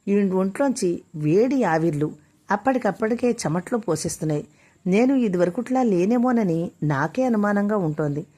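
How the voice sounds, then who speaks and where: A woman voicing a distraught middle-aged mother who is fearful and quick-tempered, speaking in a tearful, pleading way. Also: mid-range voice, lively intonation, mellow, natural voice. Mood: anxious.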